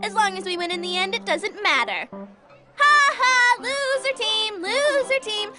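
A woman's voice: very high-pitched, expressive, fast talker. A woman playing a bratty, hyperactive teenage schoolgirl in a cartoon dub, taunting and trash-talking. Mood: gleeful gloating. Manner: trash talk, taunting and mocking. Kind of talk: animated cartoon dub acting. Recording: music behind the voice.

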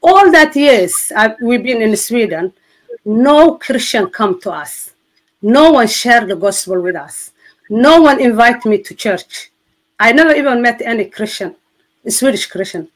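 Speaking in a fairly high, expressive voice over a rough recording, a middle-aged woman from Somalia shares her testimony as an interview guest on a video call. Her Somali-accented speech is earnest and halting, full of fillers and restarts, with a city-skyline backdrop behind her indoors.

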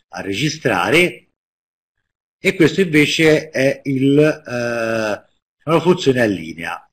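A man's voice: lowish voice, husky. A man with an Italian accent presenting a webinar, explaining step by step with many hesitations and restarts.

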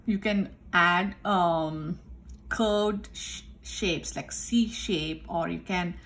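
Slow patient woman art teacher. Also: lowish voice, a bit bright. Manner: patient, talks through each step as she draws. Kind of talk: step-by-step drawing lesson. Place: indoors at a desk. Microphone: overhead camera filming the tabletop.

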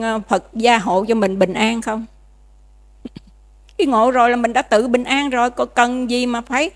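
A nun, giving a dharma lecture in a conversational way and often checking that listeners follow. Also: female voice, on the high side. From Vietnam. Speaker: Buddhist nun teaching.

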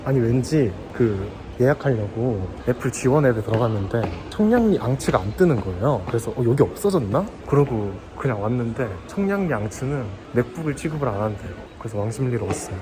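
A man's voice: mid-range voice, animated, fairly quick, few pauses, music in the background. A man chatting casually to the camera as a vlogger. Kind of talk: casual vlog chat to camera. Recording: clear background noise.

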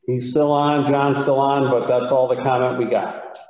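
A man's voice: mid-range voice, flat delivery, moderate pace, a little mellow, highs cut off. A man at a town zoning meeting explaining matters in a plain, matter-of-fact way. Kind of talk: meeting discussion. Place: large town meeting room. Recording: echoey hall with long reverb.

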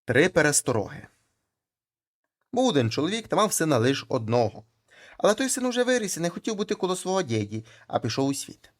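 A man reads old folk tales aloud as a storyteller. His voice sits fairly high for a man and swings widely in pitch, keeping the narration lively. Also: fast talker.

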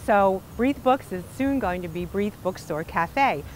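A woman in her forties who owns a bookstore, speaking earnestly to camera in a fundraising pitch on a lapel mic. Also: expressive, measured pace, slight background noise, rough recording. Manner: warm, earnest, heartfelt. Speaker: bookstore owner. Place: bookstore interior and outdoor porch.

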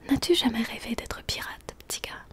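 A woman's voice: normal speed, close to an everyday voice. A woman voicing a menacing male pirate captain in a whispered role-play, with snarling, syrupy threats.

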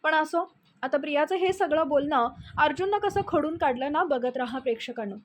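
A woman's voice: high-pitched, fairly quick, slight background noise. A woman narrating a TV serial recap in a chatty, opinionated way while speaking straight to her viewers. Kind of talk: casual storytelling recap addressing viewers.

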